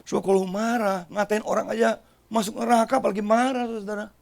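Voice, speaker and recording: A man's voice: high-pitched, fairly quick, gravelly. A middle-aged male pastor preaching a sermon, joking and speaking directly to his congregation. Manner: lively, joking, talks straight to the congregation.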